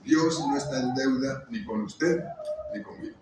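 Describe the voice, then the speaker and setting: A man in his fifties preaching a sermon, earnest and pleading, with slow emphatic pauses. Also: medium pitch, wildly swooping pitch, recorded from a distance. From Colombia. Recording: very echoey hall, voice off-mic, faint noise.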